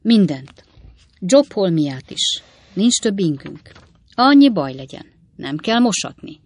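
A woman's voice: on the low side, very animated, a little mellow, breathy edge, heavily acted. A woman voicing a down-and-out male swindler who talks in short, clipped, jerky phrases. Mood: grim.

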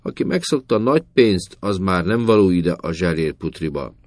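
A man's voice: lively intonation, darkish tone, dry recording, clean studio sound. A man voicing a tall, domineering sergeant who mocks and bullies in a read story. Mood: scornful. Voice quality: booming, gruff.

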